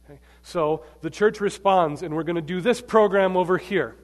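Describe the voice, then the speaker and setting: Man delivering a lively sermon, slightly high-pitched, punchy swings in volume, audience questions, echoing hall. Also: normal speed. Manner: emphatic, swings between loud and quiet, quizzes the audience. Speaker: preacher. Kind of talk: sermon to a live congregation. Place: large church hall. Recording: long hall reverb.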